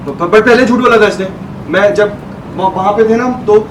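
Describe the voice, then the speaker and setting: A young actor playing a teasing, stubborn young husband in a TV serial scene, stammering when flustered. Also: male voice, high-pitched, normal speed, close to an everyday voice. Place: indoor TV serial set. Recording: roomy set audio from far off, ambient noise.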